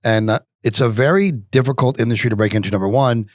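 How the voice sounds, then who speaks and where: A man's voice: medium pitch, quick pace, no room sound. Man, podcast host, upbeat chatty, dry close studio sound. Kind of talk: interview conversation.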